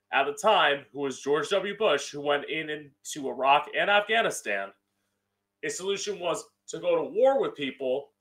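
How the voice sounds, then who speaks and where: A male drag queen host with a slightly high, bright and forceful voice. He speaks in a campy, opinionated way, delivering an emphatic solo monologue close to a studio mic at home. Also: poor audio. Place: small room at home, indoors. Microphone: close studio mic on boom arm with pop filter.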